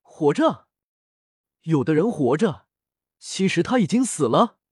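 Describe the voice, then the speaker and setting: A dreamy, distant voice for a band of identical young men, put on by a man narrating an audiobook, eerie and mocking as it drifts in from all directions. The tone is mellow and husky, raised above the narrator's own pitch, and it sits dry and close despite its far-off feel. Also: big pitch swings, a little slow, no echo, exaggerated voice. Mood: taunting. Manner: cold, taunting, philosophical. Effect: dreamy, distant voice from all around.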